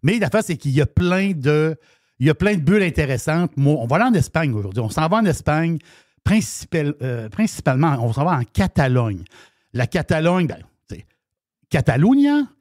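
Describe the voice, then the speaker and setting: A chatty man with a Québécois French accent, talking about wine on the radio in a slightly high voice. He restarts and repeats his words often. The studio sound is dry and close. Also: animated, a little fast, a little mellow, no echo. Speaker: wine columnist. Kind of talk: casual radio chat.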